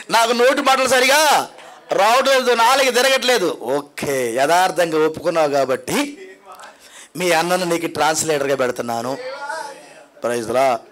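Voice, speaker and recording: A male pastor preaching a Sunday sermon in a church prayer hall. He tells stories dramatically, dropping to hushed asides and climbing to loud repeated cries. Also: high voice, lively intonation, moderate pace. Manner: repeats phrases in climbing builds.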